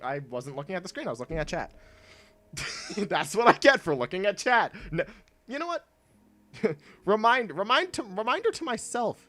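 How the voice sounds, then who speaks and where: A congested young man chatting in a low-key, rambling way while streaming a game, laughing often. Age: young adult. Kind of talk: casual gameplay stream chat. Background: quiet game music.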